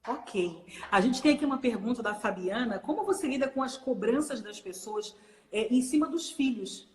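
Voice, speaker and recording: A woman's voice: a little high, expressive, moderate pace, a little mellow. A woman host with a Brazilian Portuguese accent, asking questions and speaking directly to viewers in a friendly way. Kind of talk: interview and video sign-off. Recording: echoey room.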